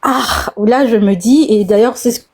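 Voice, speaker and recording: Forties woman, mellow voice, chatty caller, hesitant restarts. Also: on the high side, normal speed. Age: 40s. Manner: hesitant, repeats words, then tells at length. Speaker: caller on a live talk. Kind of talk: casual personal testimony.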